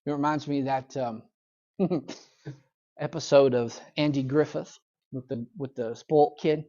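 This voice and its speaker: A man's voice: mid-range voice, steady tone, measured pace, dark tone, dull audio. A man, a pastor, teaching a casual Bible study, chatting, chuckling often and asking the room questions. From United States. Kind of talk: conversational Bible lesson. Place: church Bible study class.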